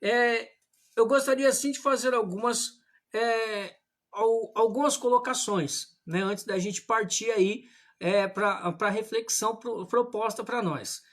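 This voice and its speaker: High-voiced preacher reading scripture. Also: male voice. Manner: addresses listeners as brothers, reads scripture aloud in a measured way. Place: indoor room at home, religious images behind him. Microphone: livestream camera.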